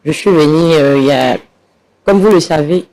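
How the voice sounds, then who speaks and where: A woman guest on a talk show, speaking quietly and hesitantly, away from her microphone. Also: deep voice, moderate pace, slight background noise, poor audio.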